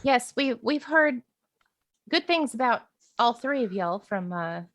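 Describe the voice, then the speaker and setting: A woman's voice: a little high, expressive, unhurried, a bit bright, pitched above the performer's own voice. A woman voicing a polite, earnest noble lady adventurer with folksy phrasing and a diplomatic manner in a tabletop game.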